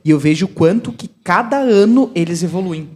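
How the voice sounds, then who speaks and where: A man's voice: high-pitched, animated, brisk, a little mellow. A man who is a teacher, explaining things in a casual podcast chat.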